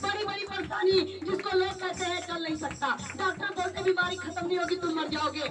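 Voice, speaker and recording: A woman's voice: extremely high pitch, fairly even intonation, a little fast, far from the mic, loud music behind the voice. A woman preaching a sermon with fervent, repetitive calls to her congregation. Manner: fervent, repetitive, acts out the story's voices. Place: church meeting hall.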